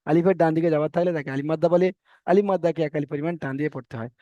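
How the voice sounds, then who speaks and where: A man's voice: fairly high pitch, steady tone, racing, mellow, dry recording. A man teaching Quran reading in an online class, patiently repeating rules and correcting his students. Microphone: video call. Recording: dull dry online call audio.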